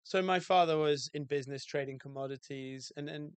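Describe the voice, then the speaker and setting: A man's voice: a little high, brisk, smooth, no echo. A man with a British accent from outside London, telling his story as a podcast guest in a loose, easygoing way with lots of fillers. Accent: British English. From England, outside London. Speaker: guest, hotel owner. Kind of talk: relaxed podcast interview.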